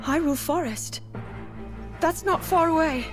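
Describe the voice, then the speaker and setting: An earnest young princess in a fantasy game. Her voice is high and gentle, with slow, careful delivery and music behind. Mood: resolute. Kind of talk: video game cutscene acting.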